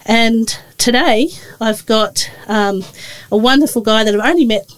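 A woman, hosting a podcast in a relaxed, chatty way with fillers. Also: fairly high pitch, a little slow, rough recording. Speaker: podcast host. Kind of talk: casual podcast chat.

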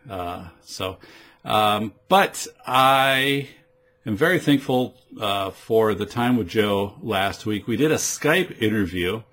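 A man hosts a casual solo podcast on a studio microphone. His voice sits fairly low, with plenty of creak and a rough, husky edge. He talks in a halting, rambling way. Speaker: podcast host.

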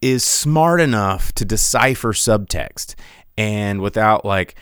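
A man hosts a podcast of casual solo movie commentary, his voice on the low side, slow and smooth. He launches into rambling, animated rants with many restarts and stumbles. The recording is studio quality with no room sound.

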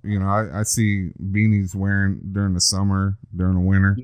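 Low, smooth-voiced male podcast host. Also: little pitch movement, brisk, darkish tone, dry recording, studio quality. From Texas. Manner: jokey, teasing, chatty. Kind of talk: casual interview chat.

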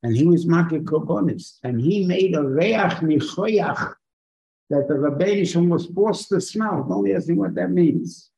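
A man's voice: on the high side, unhurried, gravelly, dark tone, husky, rough recording. A man gives an informal religious lecture as a rabbi, using rhetorical questions and short, emphatic repetitions. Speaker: rabbi giving a Torah lesson.

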